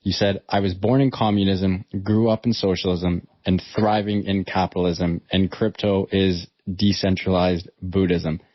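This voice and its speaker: A man's voice: sits low, flat delivery, moderate pace, few pauses, no echo. A man hosting a podcast, asking interview questions in an enthusiastic, casual way. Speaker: podcast host. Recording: dry, muffled lo-fi sound.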